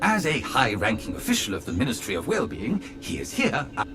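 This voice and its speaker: A man's voice: mid-range voice, huge pitch swings, fairly quick. A man voicing a polite, fawning male butler robot who is formal and obsequious and calls his master sir, in video game dialogue. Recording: game audio with background music.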